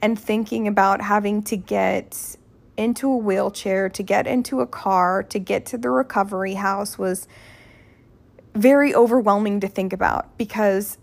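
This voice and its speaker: A woman's voice: mid-range voice, fairly even intonation, moderate pace, vocal fry. A woman podcast host casually telling a candid personal story, chatty and rambling, restarting her sentences as she goes.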